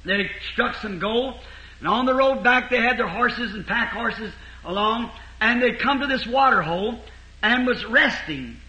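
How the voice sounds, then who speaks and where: Folksy high-voiced preacher telling a story. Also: male voice, a little slow, sharp tone. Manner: folksy, rambling retelling with repeated "he said". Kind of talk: sermon storytelling. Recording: roomy echo.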